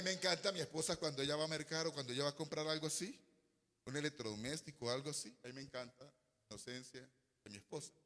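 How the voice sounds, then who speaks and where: A man's voice: fairly high pitch, bright, forceful tone, big-room sound. A man preaching a sermon as pastor, reading scripture aloud with strong exclamations and putting questions to the congregation. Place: church hall.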